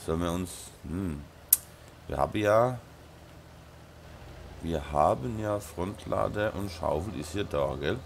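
With lively intonation despite a cold, a very deep-voiced let's play host speaking with a Rhine-Hessian German accent talks casually through his gameplay, hoarse with a sore throat and stuffy nose. He mumbles and says um a lot, over a faint desk-mic hiss.

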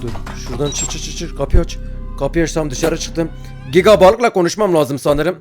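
Brief: male let's-player, a bit high-pitched, excitable and easily startled, chatting to viewers. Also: brisk, soft background music. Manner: excitable, talks to viewers, jumpy reactions. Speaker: gaming YouTuber. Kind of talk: let's-play commentary.

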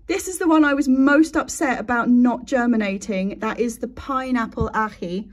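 A young Englishwoman with a fairly high voice and moderate pace chats to camera at home beside a seedling light box. An allotment vlogger, she rambles about her allotment and laughs often.

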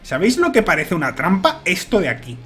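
Guy playing a game, high voice, jumpy and shouty, little bit of music underneath. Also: fairly quick. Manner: excitable, shouts and repeats words when nervous. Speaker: gaming YouTuber. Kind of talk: Let's Play commentary. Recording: faint music behind.

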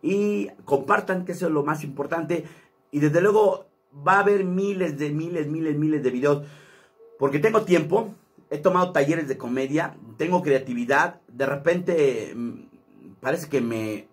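A man's voice: on the high side, moderate pace. A man, a comedian chatting casually to his channel in a rambling way. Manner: chatty, rambling, many fillers. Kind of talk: casual vlog talk.

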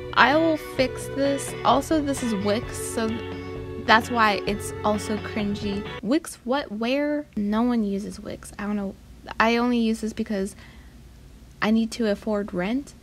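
A young woman in a casual, playful voice-over, mocking herself and dropping into hushed asides. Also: a little high, poor audio. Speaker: vlogger. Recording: voice over clear background music.

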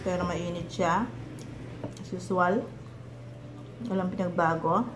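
A Filipino woman vlogging at home, chatting in an unhurried way while chewing her food. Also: lowish voice, steady tone, noisy background. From Philippines. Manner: unhurried, chatty, with long eating pauses. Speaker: mukbang vlogger. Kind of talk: casual mukbang chat. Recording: echoey room with clattering dishes.

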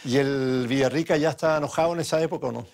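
A man's voice: medium pitch, very fast, creaky, darkish tone. A man hosting a radio interview, chatty and often chiming in with short prompts.

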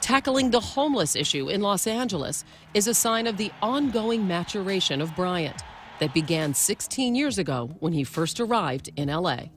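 A woman's voice: mid-range voice, lively intonation, faint music behind. A woman giving scripted, polished voice-over narration for a TV news feature. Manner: measured, polished delivery.

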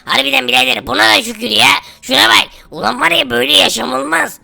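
A whiny, broke male sidekick, voiced by a woman, in a game role-play. The voice is gravelly and sharply bright. It sits high. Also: fast talker, heavily acted. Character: poor whiny male buddy.

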